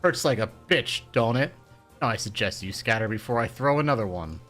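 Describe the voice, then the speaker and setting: A vulgar, quick-tempered old grandmother who barks her words bluntly and loudly, as a man puts her on. Her gruff voice carries real force. Faint music sits beneath the story. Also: lowish voice, lightly acted.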